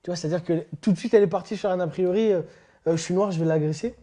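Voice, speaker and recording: A man's voice: high voice, rapid-fire, mellow. A man telling an anecdote in an interview, chatty and amused.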